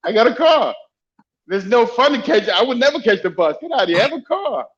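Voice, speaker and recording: Dull lo-fi recording, man, Dominican-influenced accent, rapid speech, emphatic casual storytelling, repeated phrases. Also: very high-pitched, big pitch swings. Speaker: guest, travel YouTuber. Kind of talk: casual chat, animated storytelling. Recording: dull lo-fi call audio.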